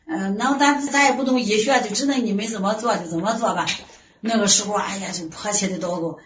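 A woman's voice: medium pitch, a little fast, muffled recording. Earnest woman testifying in a roomy, distant recording. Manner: earnest, exclamatory, frequent sighing interjections. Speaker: church member giving testimony. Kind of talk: personal faith testimony.

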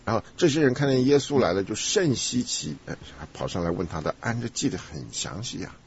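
A man hosting a casual Bible study discussion, teasing and conversational like a lively teacher. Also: on the low side, fast talker, husky. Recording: dull lo-fi recording.

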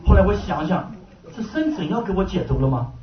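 A man's voice: high-pitched, big pitch swings, brisk. A man giving a testimony sermon, telling his story with animation and frequent laughter. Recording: dull, echoey, from far off.

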